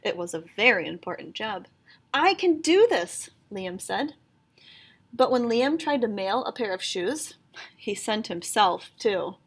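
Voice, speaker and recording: A woman reading a children's picture book aloud in an expressive storytelling style. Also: mid-range voice, a little slow, slightly rough.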